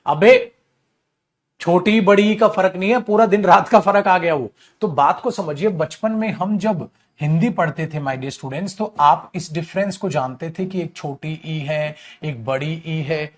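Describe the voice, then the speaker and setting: High-voiced Hindi-speaking male teacher. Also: darkish tone. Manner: explains by asking and answering his own questions, calls students "beta". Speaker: English grammar teacher. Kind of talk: classroom lecture.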